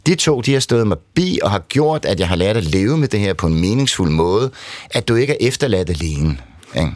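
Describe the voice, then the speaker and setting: Interview guest: middle-aged man, low voice, candid and rambling, dry close mic. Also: sing-song, darkish tone, no echo. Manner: candid, rambling, frequent "ikke?" tags. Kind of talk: conversational storytelling.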